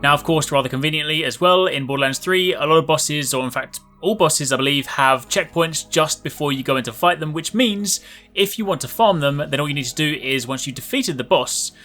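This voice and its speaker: Bright and pushed, this gaming video host's fairly high voice moves briskly over faint music. He delivers scripted guide narration with YouTuber-style energy, chatty and stressing words emphatically.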